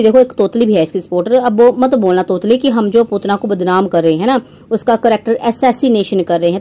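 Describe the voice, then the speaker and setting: Sarcastic woman vlogger, mellow voice. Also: a little high. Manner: mocking, sarcastic, frequent "है ना?" tag questions. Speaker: reaction vlogger. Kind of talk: scornful commentary to viewers.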